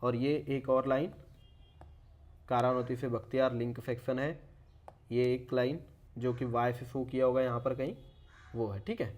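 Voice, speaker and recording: A man's voice: medium pitch, level tone, moderate pace, long pauses, darkish tone. A man casually talking viewers through a map, often saying "okay" and correcting his own pronunciation as he goes. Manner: addresses viewers as "brother". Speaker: educational video creator.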